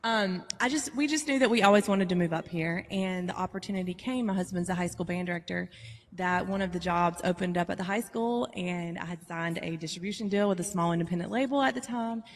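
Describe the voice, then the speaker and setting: A woman's voice: lowish voice, brisk. Woman drenched in big hall echo. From southern Georgia, USA. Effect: big hall reverb on the mic. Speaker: singer-songwriter guest. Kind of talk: casual interview chat. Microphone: live-stream call with reverb left on. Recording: big echoing reverb, live stream.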